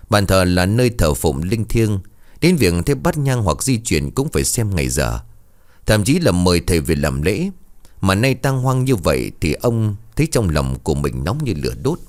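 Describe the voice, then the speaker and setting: A man narrating a ghost story in a dramatic, animated way. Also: sits low.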